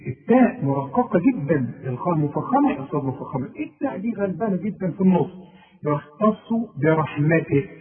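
Egyptian male recitation teacher, high voice, slow chanting and quick corrections, tinny phone-quality audio. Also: big pitch swings, a crowd in the background. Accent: Egyptian Arabic. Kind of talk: Quran recitation lesson.

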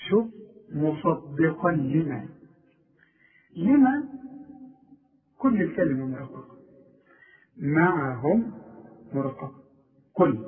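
A man with an Egyptian Arabic accent teaching Quran recitation one-on-one. He corrects pronunciation and stretches words out slowly to demonstrate them. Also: fairly high pitch. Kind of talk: one-on-one tajweed lesson. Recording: tinny phone-like line, far from mic.

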